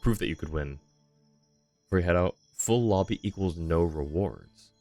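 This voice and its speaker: A tired man streams a game late at night, his low voice moving at normal speed over faint background music. He chats casually about the gameplay, relaxed and mumbling, and reads the game text aloud.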